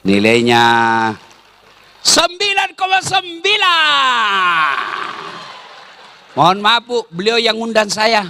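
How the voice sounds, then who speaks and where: A man's voice: high voice, sharp tone, slight background noise. A man preaching a humorous sermon to a large religious gathering, teasing the crowd and leading it in chanting. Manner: joking, teasing the audience. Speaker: Islamic preacher.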